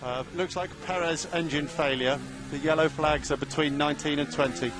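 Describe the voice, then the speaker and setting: A man working as a race engineer talks over team radio to a driver, giving terse, measured instructions and repeating the key calls. His voice is fairly high-pitched with a steady tone.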